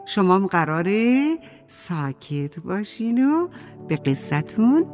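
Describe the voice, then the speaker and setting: A woman's voice: medium pitch, sing-song, a little mellow. A woman narrating a storybook tale for children, sweet and sing-song, talking directly to the kids. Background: background music.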